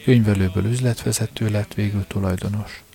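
Guy reading an audiobook, deep gravelly voice, dark tone, faint music behind. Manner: measured, steady storytelling. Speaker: audiobook narrator. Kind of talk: scripted narration.

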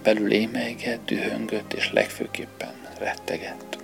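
A man narrating a story as an audiobook reader, in a measured storytelling manner, with music underneath. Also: fairly low pitch, little pitch movement, vocal fry, in a whisper. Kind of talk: scripted narration.

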